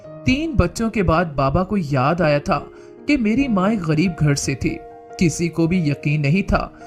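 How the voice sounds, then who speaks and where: Man, storyteller, dramatic reading, slightly high voice, soft music underneath. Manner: dramatic, reads all the characters' lines in his own voice. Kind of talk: scripted story narration.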